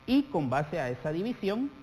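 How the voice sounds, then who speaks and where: A man from Guatemala teaches a televised lesson in a fairly high voice with a very lively, rising and falling pitch. He talks directly to the viewer and draws out the example words slowly as he dictates them. The studio has a long reverb, with a faint hum underneath.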